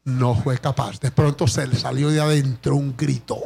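A man's voice: medium pitch, steady tone, normal speed, vocal fry, darkish tone, slightly rough. A male pastor preaching a sermon in a church, telling a story and then leading the congregation in impassioned prayer.

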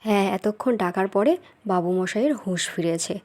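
Woman playing a scolding young housewife, fussy, mellow tone, mid pitch, doll-play drama. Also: fairly quick. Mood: bossy.

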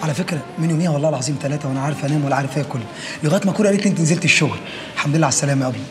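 A man's voice: fairly high pitch, very fast, over music, natural voice. An actor playing an awkward, fawning young man with an Egyptian accent.

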